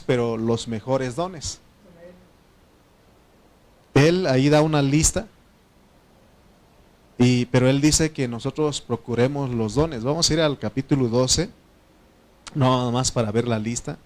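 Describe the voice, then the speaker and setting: A man's voice: mid-range voice, a little mellow. Man, pastor from Oaxaca, Mexican Spanish accent, second-language speaker, chatty sermon delivery with fillers and questions to the room. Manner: conversational, asks the congregation questions; frequent fillers and self-corrections.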